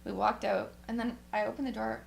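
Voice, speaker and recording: A woman guest musician telling a story in animated fashion, acting out the quotes with big swings in pitch. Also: fairly quick, gravelly, a little hiss or hum. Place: radio studio. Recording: roomy studio.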